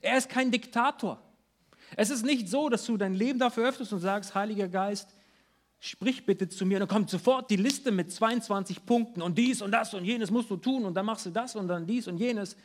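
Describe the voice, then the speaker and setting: High-voiced man preaching a sermon. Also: fairly quick. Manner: earnest, animated preaching with direct address. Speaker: pastor. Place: church service.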